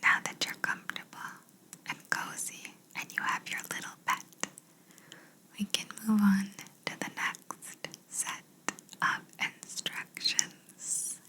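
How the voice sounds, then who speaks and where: A woman whispering slowly in an ASMR video, guiding the listener through gentle imagination questions. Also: mid-range voice, monotone, poor audio. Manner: slow soft whisper, asking gentle questions. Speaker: ASMR creator.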